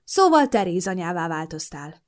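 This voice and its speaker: A woman voicing a young man, a teasing boyfriend with a sharp, scornful edge, in an audiobook. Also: fairly low pitch, sing-song. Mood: irritated. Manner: teasing, then scornful and cutting.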